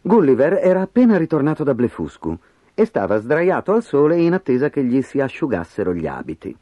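A man reading a storybook aloud in an expressive, animated way. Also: mid-range voice, brisk, no room sound. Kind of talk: scripted storybook narration. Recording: slightly dull audio with faint music.

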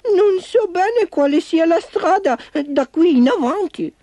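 Baby, a man doing a squeaky tearful little toy car. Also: expressive, slow, dark tone, no room sound, exaggerated voice. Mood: worried. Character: small frightened female toy car. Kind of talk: storybook voice acting.

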